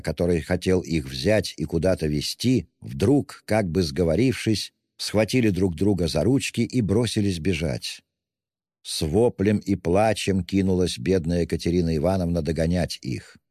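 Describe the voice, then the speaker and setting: A man reading an audiobook in a measured, even narration. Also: deep voice, no echo, clean studio sound.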